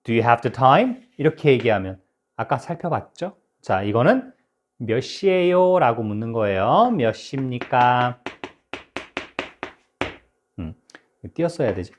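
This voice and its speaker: Lively male English teacher. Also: mid-range voice. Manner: lively, says English examples slowly and carefully; stumbles and restarts now and then. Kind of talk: spoken English lesson.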